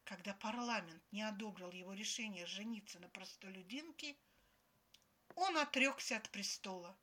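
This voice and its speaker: A woman's voice: medium pitch, normal speed, sharp tone. A woman expressively reading a first-person story aloud. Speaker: story reader.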